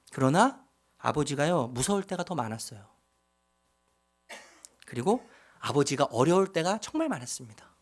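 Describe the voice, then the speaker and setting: A pastor preaching a sermon, asking the congregation questions and repeating key words for emphasis. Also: male voice, sits high, a bit bright.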